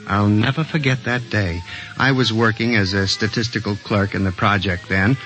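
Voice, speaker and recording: A man's voice: fairly low pitch, steady tone, moderate pace, pushed and bright. A man playing a hesitant, earnest statistics clerk who also narrates, in a 1950s radio drama with an old broadcast sound. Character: timid middle-aged male statistics clerk. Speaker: narrator and lead character. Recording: muffled lo-fi old radio recording with music.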